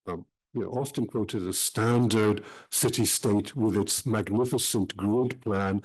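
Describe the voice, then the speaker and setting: A middle-aged man who grew up in Switzerland, giving an academic talk about his book in a measured way with many filled pauses. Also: mid-range voice, darkish tone, rough recording.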